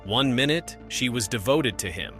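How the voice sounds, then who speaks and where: A man's voice: medium pitch, lively intonation, moderate pace, a bit bright. A man reading dramatic scripted narration as the narrator of a TV court show. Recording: voice-over with music behind.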